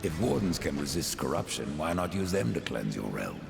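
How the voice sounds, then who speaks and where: An actor playing a grim, sardonic deathly Horseman in a fantasy game, with a deep gravelly voice and dry, terse delivery. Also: sing-song, normal speed, exaggerated voice. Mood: brooding, questioning. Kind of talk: dramatic fantasy game dialogue. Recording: long reverb, loud music behind.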